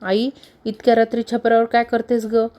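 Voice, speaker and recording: A cheerful, fearless young husband from a spoken folk tale, read out by a woman storyteller, his lines kept level and steady. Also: a little high, moderate pace, lightly acted. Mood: plain.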